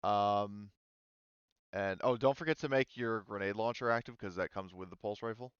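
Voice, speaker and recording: The audio is dull and slightly muffled, without echo, as a man runs a relaxed online tabletop role-playing session. As game master he explains haltingly, bit by bit, in a smooth, lowish voice at a moderate pace.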